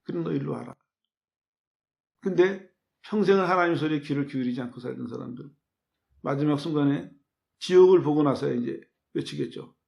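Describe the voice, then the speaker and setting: Gravelly-voiced male preacher, talky sermon. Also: a little high, a little fast, darkish tone. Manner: conversational preaching with rhetorical questions; acts out quoted voices in his telling. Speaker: pastor.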